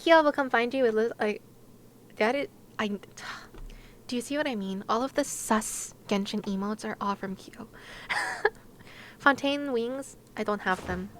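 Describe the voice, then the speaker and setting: A woman with a higher, unhurried voice and a fairly bright tone, with a bit of hiss or hum in the audio. She's chatting casually to viewers while gaming on a livestream, giggly, playful, and talkative.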